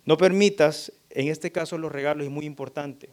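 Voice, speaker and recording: Man, middle-aged, church speaker, sermon-style talk to parents, fairly high voice, emphatic, speaks directly to listeners. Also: normal speed. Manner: animated, jumps up high when voicing children; addresses the audience directly, emphatic.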